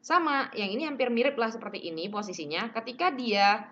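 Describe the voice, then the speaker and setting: A woman's voice: a little high, animated, fairly quick, bright, forceful tone, muffled recording, slight background noise. A woman teaching English pronunciation in a casual online lesson, chatting, mixing in English phrases and modelling sounds.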